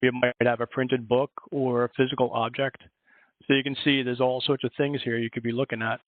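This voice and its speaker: On a video call, a librarian with a Philadelphia accent rambles chattily through a workshop presentation, often self-correcting. His medium-pitched voice stays level and runs a little fast, with dry, tinny, phone-like audio and no echo.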